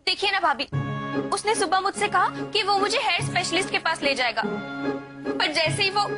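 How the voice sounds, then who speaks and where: An actress playing a young wife who sulks and complains in a hurt tone. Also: female voice, very high voice, animated, normal speed, over music. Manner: sulky, wounded complaining.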